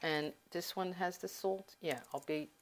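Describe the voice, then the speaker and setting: With a fairly low pitch and a measured pace, a woman chats casually while cooking in her home kitchen. As a cooking vlogger, she rambles and confides in her viewers. There is background noise.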